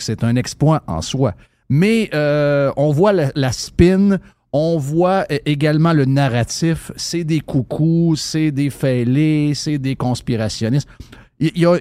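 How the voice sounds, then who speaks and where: A man's voice: mid-range voice, warm tone, no echo. A man with a Québécois French accent hosting a political talk radio interview, talking in a rambling, hesitant way full of fillers and restarts. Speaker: radio show host.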